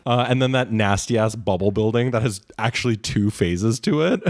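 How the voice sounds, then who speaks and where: A man's voice: lowish voice, normal speed. A man co-hosting a podcast, making snarky, gossipy remarks and laughing often. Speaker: podcast co-host. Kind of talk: casual gossipy chat.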